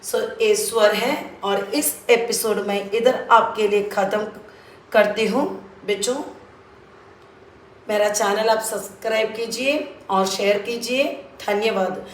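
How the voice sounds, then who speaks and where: A woman's voice: mid-range voice, fairly even intonation, slow pace, reverberant, slight background noise. A woman from South India with a South Indian accent, teaching children a Hindi grammar lesson patiently, repeating and drilling sounds and mixing in English words.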